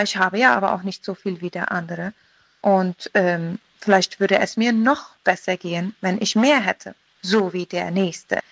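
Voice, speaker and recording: A woman in her thirties from Paraguay giving a short devotional radio talk in a calm, earnest, reflective manner. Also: medium pitch, dry recording, rough recording. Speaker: radio devotional contributor, mother.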